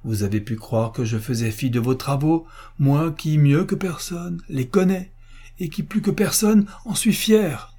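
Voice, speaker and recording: Guy reading as a young son, urgent and earnest, pitch pushed up, mellow voice. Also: expressive, measured pace, slightly rough. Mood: pleading. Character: young man pleading with his father.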